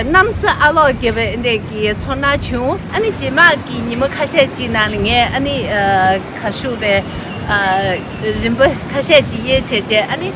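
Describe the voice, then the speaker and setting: A woman from Tibet with a Tibetan accent, talking casually as a travel vlogger with waves and outdoor ambience around her. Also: high-pitched. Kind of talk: casual travel vlog talk. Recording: loud seaside wind and wave noise.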